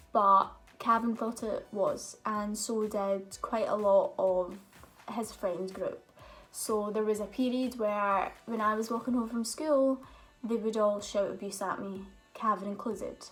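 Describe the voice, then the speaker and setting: In a relaxed question-and-answer vlog, a young woman talks freely and shares stories, filling her speech with fillers. Her pitch is fairly high and the audio quality is low.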